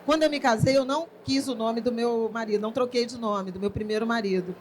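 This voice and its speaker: A woman with a Brazilian Portuguese accent and a slightly high voice hosts a live conversation on stage. She talks in an easy, conversational way, mixing questions with her own stories. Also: steady tone, fast talker, darkish tone, a little hiss or hum. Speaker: interviewer.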